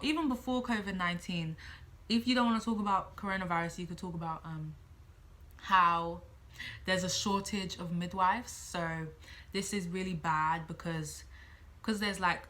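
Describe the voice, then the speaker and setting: Speaking straight to camera, this late-teen woman gives casual advice the way a student vlogger would, rambling easily, musing aloud and returning to things she already said. Her voice is a touch low in pitch, with a bright, crisp edge.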